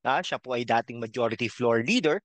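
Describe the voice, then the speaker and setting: A middle-aged Filipino-accented man hosts his own commentary channel, drifting through his points slowly, dotting nearly every phrase with a questioning "no?" and the odd throat clear. His pitch sits mid-range and the sound is dry and close. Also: fairly bright tone, dry recording, poor audio. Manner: rambling, frequent tag question "no?"; slow, halting with fillers and throat clearing. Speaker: channel host. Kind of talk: casual political commentary vlog.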